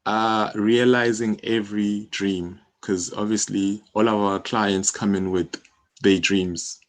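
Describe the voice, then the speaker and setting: This is a music publisher in his thirties, a South African-accented man appearing as a guest in a conversational interview. His voice sits on the low side, level in tone and slow, as he casually describes his work with frequent "you know"s.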